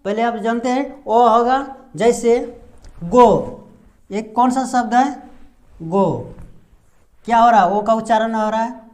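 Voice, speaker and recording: A man from India teaching English pronunciation, slowly explaining each rule and answering his own questions. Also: very high-pitched. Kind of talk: slow explanatory lesson with repeated questions.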